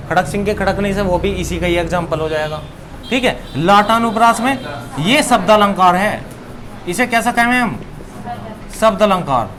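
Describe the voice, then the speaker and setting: A man's voice: high-pitched, fairly bright tone, rough recording. A man teaching a Hindi grammar lesson for exam preparation, explaining step by step and quizzing the listener with questions. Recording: faint background noise.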